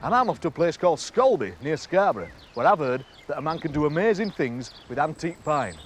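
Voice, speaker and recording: A man's voice: on the high side, sing-song, a little fast, faint music behind. A man working as a television presenter, explaining things in a scripted, conversational style.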